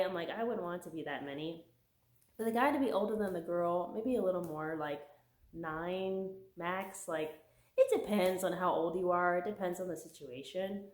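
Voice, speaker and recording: Fairly low and a little mellow, this young woman's voice is worn from a cold she's getting over, nearly giving out as she casually chats through her month's reading with plenty of fillers. She's a book vlogger, recorded with a roomy sound.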